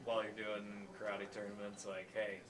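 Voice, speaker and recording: Low, flat-toned male reporter. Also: moderate pace. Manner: long, leading questions. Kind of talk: press scrum questioning. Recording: distant mic with crowd noise.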